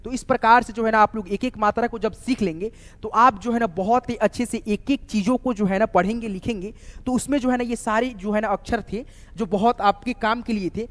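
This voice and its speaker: A man's voice: sits high, a little fast, a bit bright. Man teaching in an echoing room. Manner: repeats "doston" and spells words letter by letter. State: sweating from heat. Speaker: online English teacher. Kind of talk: casual spoken lesson.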